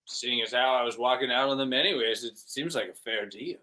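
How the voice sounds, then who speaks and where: A male improv comedian playing a worn-out working man, with a bright, forceful tone. His lines come earnest and halting, stumbling over restarts as he plays the scene. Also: medium pitch. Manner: earnest, halting character talk.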